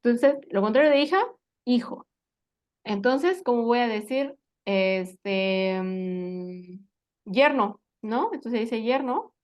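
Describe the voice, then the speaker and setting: A woman with a slightly high voice teaches English vocabulary. She is patient, asks her student questions and keeps checking they follow along with little tag questions. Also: takes it slowly, darkish tone. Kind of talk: live English vocabulary lesson.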